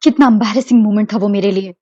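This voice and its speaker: A woman's voice: quick pace, no room sound, lo-fi sound, close to an everyday voice. A woman voicing a proud, easily embarrassed young wife who scolds indignantly, in an amateur audio drama. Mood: scolding. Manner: indignant scolding, shrill shouts.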